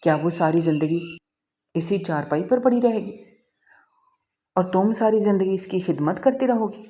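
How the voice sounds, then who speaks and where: A woman's voice: on the low side, mellow, natural voice. A woman reading the lines of a worried middle-aged father in a story, in a troubled, questioning tone.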